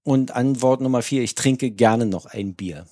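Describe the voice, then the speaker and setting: A man co-hosting a podcast in casual chat, joking around and haltingly reading out dialect words. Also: mid-range voice, warm tone, dry recording, studio quality. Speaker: podcast co-host.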